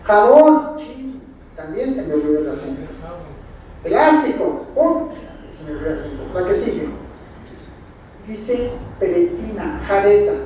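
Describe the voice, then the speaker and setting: A man's voice: sits high, lively intonation, moderate pace, long pauses, warm tone. A man with a Mexican Spanish accent giving a lecture with slides at a conference, quizzing the audience with dry, ironic asides. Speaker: conference speaker. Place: lecture hall. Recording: very echoey hall, distant, faint noise.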